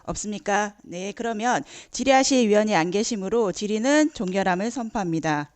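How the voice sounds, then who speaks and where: A woman's voice: medium pitch, lively intonation, fairly quick, darkish tone. A woman chairing a local council committee meeting, using formal procedural phrasing.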